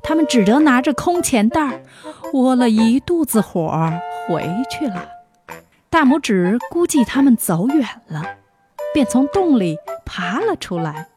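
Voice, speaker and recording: A woman reading a fairy tale aloud as storyteller, clear and even. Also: fairly high pitch, a little slow, over music.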